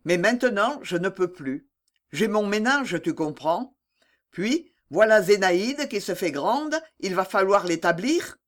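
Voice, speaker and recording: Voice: mid-range voice, lively intonation, measured pace, natural voice. A worried, good-natured middle-aged fitter from a classic novel, voiced by an audiobook reader. He talks in a sighing, confiding way, with a voice that rises and falls expressively. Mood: troubled.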